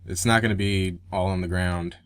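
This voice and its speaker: A young man co-hosting a casual gaming podcast, rambling excitedly and restarting his sentences. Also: low-pitched, normal speed, clear, resonant tone, no echo, clean studio sound. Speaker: podcast co-host.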